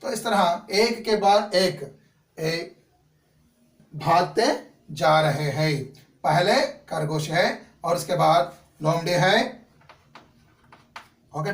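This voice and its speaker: A man teaching a class, his voice high and his pace slow and careful. He asks the class questions and then answers them himself, and restates every word in English. The sound is echoey and comes from some way off the mic. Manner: explains each Hindi word again in English. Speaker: school teacher. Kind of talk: classroom story lesson. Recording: echoey room, voice from a distance.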